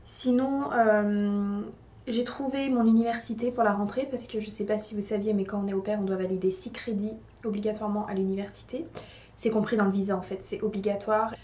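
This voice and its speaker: A woman's voice: mid-range voice, fairly even intonation, a little fast, warm tone. Chatty young French woman vlogging. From France. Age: young adult. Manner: chatty, lots of hesitations and restarts. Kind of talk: casual monthly update to camera.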